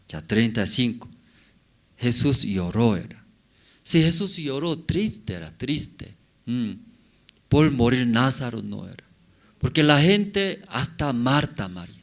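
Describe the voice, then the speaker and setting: Animated pastor in broken Spanish. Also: male voice, mid-range voice. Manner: halting non-native Spanish with broken grammar; animated preaching, asks the congregation questions. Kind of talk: sermon. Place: church service.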